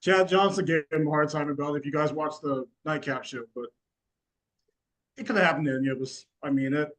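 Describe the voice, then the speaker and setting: A man co-hosting a casual sports talk show, speaking in a relaxed, hesitant way with lots of fillers. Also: on the high side, a little fast, low-quality recording. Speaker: co-host.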